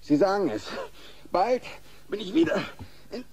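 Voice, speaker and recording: An actor playing a flirtatious, sarcastic, rebellious patient with a husky voice in a German horror radio play. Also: male voice, high voice, wildly swooping pitch, a little slow, a crowd in the background, exaggerated voice. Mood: cheeky. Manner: insistent, cheeky.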